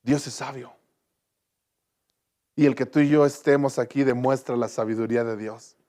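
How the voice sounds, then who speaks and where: A man's voice: medium pitch, steady tone, moderate pace, dark tone. A man preaching a sermon as pastor in a church, earnest and repetitive, often restarting his phrases.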